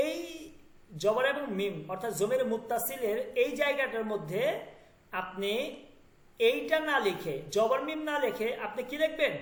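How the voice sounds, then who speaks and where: A man with a Bangladeshi Bengali accent teaching an online language lesson, explaining step by step and often checking that students understand. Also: extremely high pitch. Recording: echoey room.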